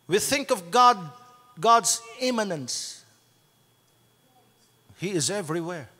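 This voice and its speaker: A man with a Filipino accent preaching a sermon as pastor, mixing Tagalog and English and breaking into loud shouted praise. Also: high voice, lively intonation, slow pace, in a large hall. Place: church sanctuary.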